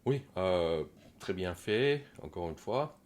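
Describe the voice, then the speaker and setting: A man giving a casual pronunciation lesson, coaching a learner with gentle critique and many hesitant filler pauses. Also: low voice, lively intonation.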